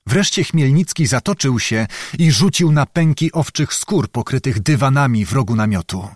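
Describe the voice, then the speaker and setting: A man narrating an audiobook in a measured, dramatic reading. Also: medium pitch, animated, husky, no room sound, studio quality.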